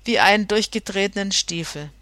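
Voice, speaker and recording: A woman's voice: mid-range voice, brisk, dry recording, close to an everyday voice. A woman voicing a half-drunk, scheming male journeyman revolutionary, mocking and threatening, in an audiobook reading. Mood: bitter. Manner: mocking and threatening, loud outbursts.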